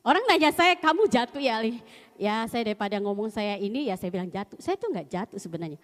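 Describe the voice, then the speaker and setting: A woman's voice: medium pitch, lively intonation, fast talker. A middle-aged woman giving a chatty, slangy church testimony at a service, laughing often. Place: church hall. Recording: long hall reverb.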